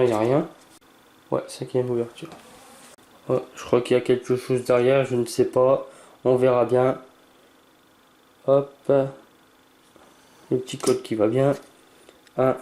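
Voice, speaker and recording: A man casually commenting as he opens trading cards, reading names aloud, stumbling over words and breaking into excited cries while keeping his voice down. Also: measured pace, pauses often. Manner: reads card names aloud, stammers, bursts into excited exclamations; holds back from shouting, keeps voice low at night. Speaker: YouTuber opening trading cards. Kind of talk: casual card-opening commentary.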